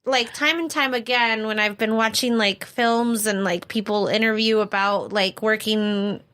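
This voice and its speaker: Bright, outspoken woman co-host. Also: mid-range voice, fairly even intonation, a little slow. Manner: emphatic, fillers of 'like', outspoken. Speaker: podcast co-host. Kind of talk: casual chat.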